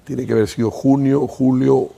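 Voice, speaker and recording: Gravelly older man reminiscing. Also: mid-range voice, steady tone, normal speed, dark tone. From Peru. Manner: thoughtful, reminiscing, speaks in first person at length. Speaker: interview guest. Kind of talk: reflective interview storytelling.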